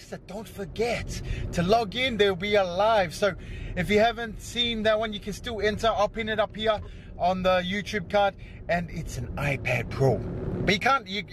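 A Samoan man in his thirties, a vlogger who owns a salon, chats upbeat to a handheld camera held close, starting in a parked car and moving into a hair salon. His voice sits high over some background noise, and he caps his lines with "yo."

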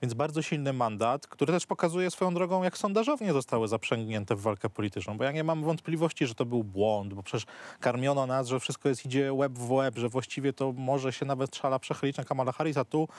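A man's voice: medium pitch, brisk, darkish tone, dry recording. Man in his 30s, panel commentator, emphatic repeater, dry close sound. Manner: emphatic, repeats words for stress. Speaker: political commentator. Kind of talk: studio panel discussion. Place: TV studio set. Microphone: lapel mic.

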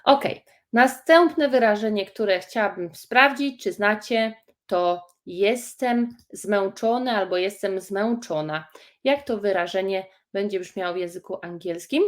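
A woman teaching English phrases in a live stream, slow and encouraging as she reads out viewers' comments. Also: medium pitch. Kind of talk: live-streamed language lesson.

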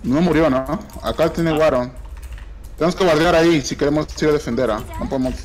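Quick-talking man making combat callouts. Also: a little high. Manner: repeats phrases in quick bursts. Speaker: esports team player. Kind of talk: combat callouts in team voice chat. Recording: slightly noisy game voice chat, keyboard typing.

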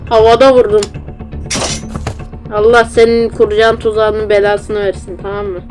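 A woman's voice: medium pitch, flat delivery, normal speed, darkish tone, faint music behind. A woman with a Turkish accent giving casual, self-mocking commentary as she plays a horror game, talking into a facecam at home. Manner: chatty, self-mocking, easily flustered. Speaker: gamer playing a horror game. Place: at home, seated. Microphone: facecam with built-in mic.

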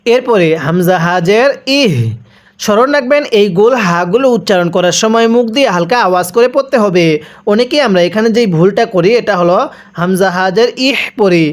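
A Quran recitation teacher spelling out letters and vowel marks one by one, then drilling each word slowly for listeners to repeat. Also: medium pitch. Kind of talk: step-by-step recitation lesson.

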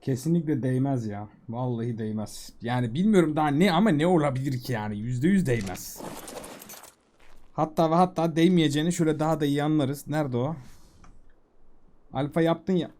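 A man giving casual, excitable commentary while playing a video game, talking to himself and the creatures on screen. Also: a little high, fairly quick. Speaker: gaming YouTuber.

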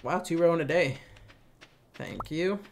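A man's voice: a little high, measured pace, slight background noise. A man hosting a casual let's play, musing aloud and chatting as he plays. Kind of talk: casual gameplay commentary.

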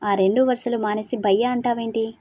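A woman's voice: a little high, fairly even intonation, a little fast, mellow, close to an everyday voice. A woman voicing an easygoing, talkative young man who teases and chats in a storybook reading. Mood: teasing. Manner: teasing, chatty.

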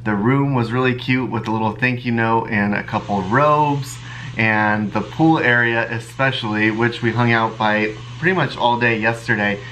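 A man's voice: mid-range voice, fairly even intonation, moderate pace, a bit bright, slight background noise. A man of thirty, a nurse, talking casually and self-consciously while vlogging with a handheld camera, mostly outdoors, with the odd laugh. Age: 30s. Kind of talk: casual travel vlog. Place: outdoors at the beach and around town, also a hotel room. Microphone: handheld camera at arm's length. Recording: music playing underneath.

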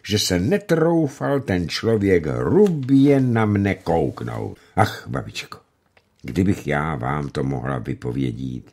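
A man's voice: deep voice, very animated, creaky, darkish tone, exaggerated voice. A man voicing a troubled young village woman in love, confiding and sorrowful. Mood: confiding, sad.

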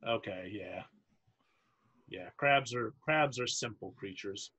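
Husky-voiced man running a tabletop game. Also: lowish voice, bright, forceful tone. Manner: halting, many restarts, laughs easily. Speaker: dungeon master.

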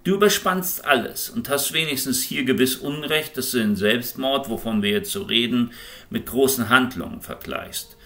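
A man's voice: medium pitch, moderate pace, bright, forceful tone, voice pushed up. A man reading the lines of a sober, reasonable young man who argues in a firm, lecturing way.

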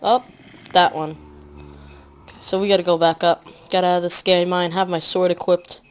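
A woman giving casual let's-play commentary at home, rambling with lots of fillers and often trailing off quietly. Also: lowish voice, little pitch movement, normal speed. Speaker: gaming commentator.

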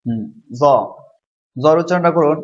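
A man teaching a Quran letter pronunciation lesson, slowly drilling each sound and having students repeat after him. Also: a little high. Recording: dull lo-fi recording.

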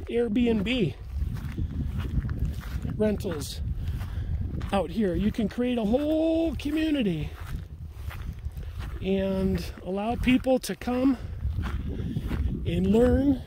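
A man's voice: extremely high pitch, expressive, drawn-out words, pauses often. A man casually giving a walking tour of rural land, rambling and repeating words as he goes, filmed on a phone outdoors. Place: outdoors in open grassland. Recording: outdoor phone audio with wind noise.

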